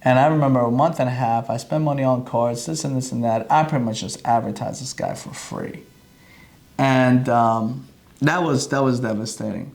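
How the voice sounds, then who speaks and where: A man's voice: medium pitch, normal speed, creaky. A man who works as a chiropractor, hosting a podcast and telling a casual story about his own experience, acting out the dialogue with animation. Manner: animated, acts out quoted dialogue.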